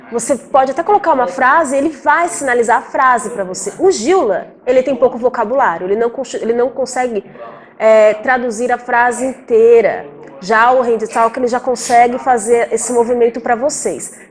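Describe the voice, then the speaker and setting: A woman voicing a talk as a sign language interpreter, explaining in a steady way. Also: on the high side, normal speed.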